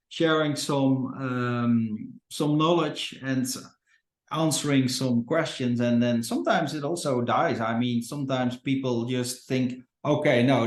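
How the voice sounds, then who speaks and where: A Dutch-accented man speaks as a guest in a podcast interview, pausing often and restarting his sentences. His voice sits in a middle pitch. The sound is roomy, with a noticeable echo. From Netherlands. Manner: hesitant, many fillers and restarts. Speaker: company founder, guest. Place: Portugal.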